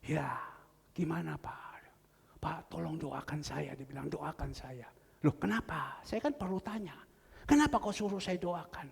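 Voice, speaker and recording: A male pastor preaching a sermon, dropping to hushed whispers and then rising to loud, fervent bursts. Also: on the high side, expressive, unhurried, vocal fry, slightly rough, in a large hall. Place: church hall.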